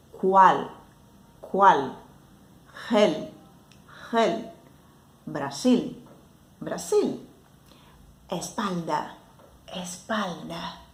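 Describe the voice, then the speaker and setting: Slow, patient woman teaching Spanish words. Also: mid-range voice, roomy sound. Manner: repeats each word twice, explaining patiently. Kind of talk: slow spoken language lesson.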